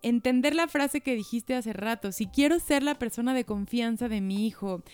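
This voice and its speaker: A woman's voice: a little high, normal speed, a little mellow, clear, resonant tone, no echo, faint music behind. A woman, a therapist co-hosting a casual conversation, reflective and thinking aloud as she talks.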